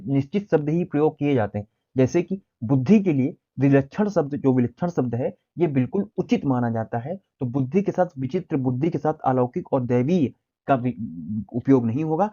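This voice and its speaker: Guy teaching exam prep, reads the options then explains the answer, kinda mellow, slightly muffled audio. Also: medium pitch.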